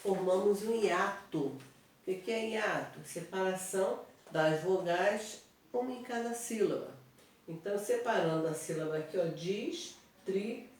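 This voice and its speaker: A woman's voice: mid-range voice, normal speed, a little mellow. A Brazilian Portuguese woman teaching grammar in an online lesson, explaining patiently, repeating examples and checking in with "tá?". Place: small room at home with a whiteboard. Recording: echoey room, mic at a distance, faint noise.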